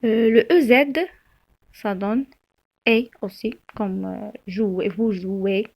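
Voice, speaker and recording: A woman teacher, explaining spelling slowly, with frequent fillers and self-corrections. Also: medium pitch, fairly even intonation, gravelly, darkish tone. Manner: slow, halting, many fillers and self-corrections. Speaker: French teacher. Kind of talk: spelling lesson.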